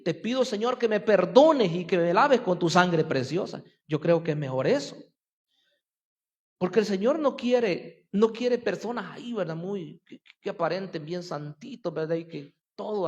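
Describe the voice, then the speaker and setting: A man pastor preaches in an earnest, questioning way, his voice sitting unusually high for a man. Long reverb hangs after each phrase, as in a large church hall. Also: a little mellow, highs cut off. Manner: earnest, asks the congregation rhetorical questions. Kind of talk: sermon.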